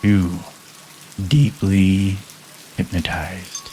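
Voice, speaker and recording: Leading a hypnosis induction, a man speaks in a very low, soft and calm voice, unhurried and with long gaps between phrases. Faint rain patters behind him, along with a little hiss or hum.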